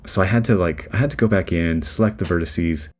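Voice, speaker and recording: A man giving relaxed, rambling voice-over commentary on his 3D modeling timelapse, with lots of fillers and restarts. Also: sits low, brisk. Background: faint background music.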